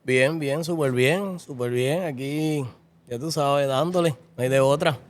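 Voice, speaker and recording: Middle-aged Puerto Rican man, interview guest, relaxed, repeats himself, smooth voice. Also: fairly high pitch, measured pace. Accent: Puerto Rican Spanish. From Puerto Rico. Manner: repeats phrases, relaxed and thankful. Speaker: interview guest, horse breeder. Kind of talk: casual interview.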